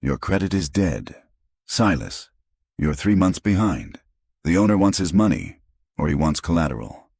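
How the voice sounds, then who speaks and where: A man voicing a smooth, terrifyingly calm lawman in a western audiobook. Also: sits low, normal speed, no room sound, clean studio sound, heavily acted. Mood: calm menace.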